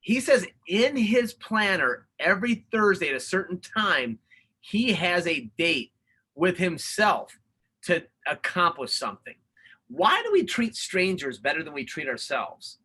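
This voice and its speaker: A man hosting an online talk, breaking in with takeaways and rhetorical questions in an energetic, preachy way. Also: high-pitched, measured pace, husky. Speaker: host. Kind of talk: webinar talk, interjecting takeaways.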